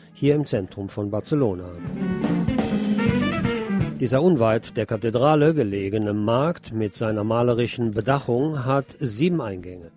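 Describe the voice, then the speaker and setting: A man with a medium-pitched, dark-toned voice presents a scripted radio news commentary, reading out press reports in a measured, explanatory manner.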